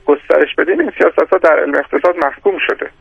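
A man with a gravelly, creaky voice gives a measured, explanatory answer as an economist guest on a radio interview, pausing and restarting as he builds his point. The sound is dry and close, with a dull, lo-fi radio quality. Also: on the high side, dry recording.

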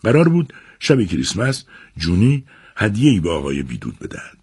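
A man narrating a serialized novel adaptation on a radio book program, with measured, expressive storytelling. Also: lowish voice, slightly rough.

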